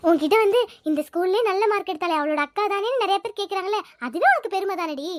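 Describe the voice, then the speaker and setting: A woman's voice: very high voice, lively intonation, quick pace, no echo, clean studio sound, voice pushed up. A woman voicing a caring, talkative village schoolgirl, coaxing and reassuring her friend. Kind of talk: cartoon voice acting.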